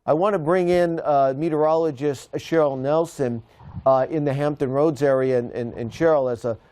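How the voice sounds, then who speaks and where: A man with a somewhat high, mellow voice anchors weather coverage. He talks conversationally, live on air, in a dry studio-like sound. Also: steady tone, moderate pace, dry recording. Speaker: meteorologist anchor.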